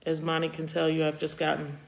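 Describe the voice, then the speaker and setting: A woman's voice: sits low, completely flat delivery, fast, gravelly. A middle-aged woman hosting a casual live-stream chat, speaking her mind and reacting to viewers, becoming emotional and choked up. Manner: opinionated, reacting to viewer comments. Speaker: host of a live chat show.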